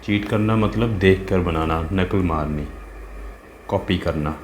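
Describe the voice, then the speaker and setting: Art teacher, male, low voice, patient casual tutorial tone, echoey room. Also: a little slow, slight background noise. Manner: patient, talks while working, asks "है ना?" and "ठीक है?" often. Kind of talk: casual step-by-step drawing tutorial. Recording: roomy with faint ambience.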